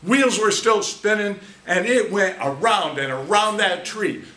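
Bright and forceful, with a voice that sits high, an American man in his sixties spins a theatrical tall tale for a live audience as a speech contest competitor. He's dramatic and emphatic, pausing deliberately. The echoey small indoor meeting room and a camera mic a few meters away leave faint noise.

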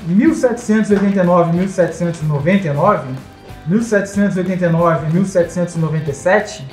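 A woman's voice: lowish voice, quick pace, a little mellow. Brazilian woman hosting a quiz, echoey. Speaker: quiz host. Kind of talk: reading quiz questions and options. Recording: echoey, light music behind.

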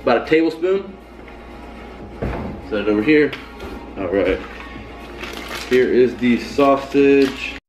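This casual how-to vlog features a young male fitness vlogger in his twenties, nasal from a cold, plainly narrating his cooking step by step in a small home kitchen. His mid-range voice is expressive, slow and a little mellow, broken by long pauses. The low-quality camera-mic recording carries soft background music.

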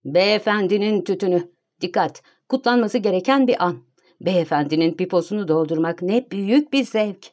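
Brief: a mocking, theatrical gentleman thief read by a woman, warm dark voice, storybook. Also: mid-range voice, normal speed, lightly acted. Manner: teasing, theatrical showman.

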